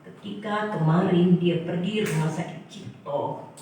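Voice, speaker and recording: A woman's voice: on the low side, unhurried, warm tone, a little hiss or hum. A woman preaching a sermon to her congregation, speaking emphatically and often exclaiming. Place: church hall. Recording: echoey hall, far from mic.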